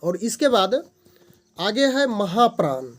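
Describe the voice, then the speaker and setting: A man's voice: high voice, sing-song, slow pace. A man teaching a grammar lesson as the host of his channel, stating each definition and then restating it in simpler words.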